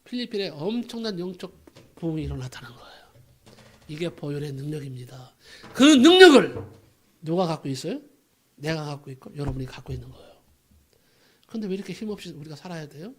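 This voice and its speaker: A man's voice: on the high side, fast, a little mellow. A male pastor preaching a sermon, telling a story and asking the congregation rhetorical questions with emphasis.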